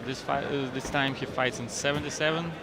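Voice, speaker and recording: A man giving unscripted, analytical fight commentary in a halting way, repeating words as he goes. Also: mid-range voice, fairly even intonation. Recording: very loud arena noise behind.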